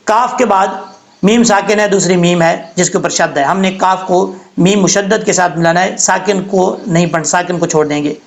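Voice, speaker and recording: A man with a high voice teaches recitation, patiently walking through each letter and its sound. His explanations are careful and methodical, like a teacher in a slow lesson. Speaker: Quran tajweed teacher.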